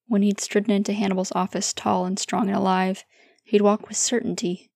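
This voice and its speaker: A woman calmly reading fan fiction aloud as the narrator. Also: mid-range voice, a little fast, creaky, no echo, clean studio sound.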